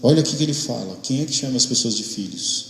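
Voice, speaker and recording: A man with a Brazilian Portuguese accent preaching a casual, animated devotional sermon to his congregation, often asking "amém?". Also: medium pitch, fast talker, a little hiss or hum. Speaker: pastor. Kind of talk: devotional sermon with acted quotes. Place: church hall. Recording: echoey hall with long reverb.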